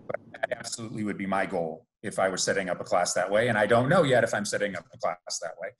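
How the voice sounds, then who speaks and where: A man gives an informal answer to students as a professor. His voice is fairly low, and he is deliberate and emphatic about his points. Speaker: law professor.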